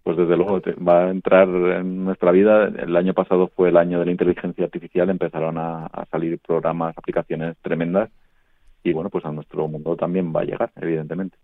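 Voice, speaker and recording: A man talking as a guest contributor on a radio show, relaxed and conversational, heard over a phone line. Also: deep voice, a little fast, no room sound. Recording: tinny phone line, dry.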